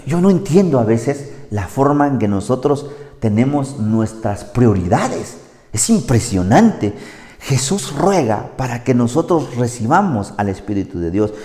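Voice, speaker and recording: A man preaching a sermon as pastor, in an animated, exclamatory manner. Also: mid-range voice. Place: church. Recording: reverberant church hall.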